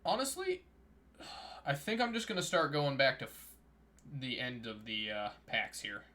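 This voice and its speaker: A man's voice: medium pitch, very animated, normal speed, pushed and bright. A man streaming live, chatting casually and reading card text aloud, while his voice is starting to give out. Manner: reads card text aloud in a plain running commentary. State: losing his voice.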